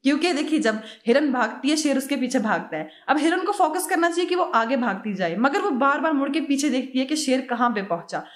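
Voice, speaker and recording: A woman's voice: high voice, expressive, a little fast, hardly any pauses, echoey room. A young woman, a journalist and influencer talking as an interview guest in an emphatic, defiant way. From Kashmir. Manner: emphatic, defiant, often laughing. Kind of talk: casual interview talk.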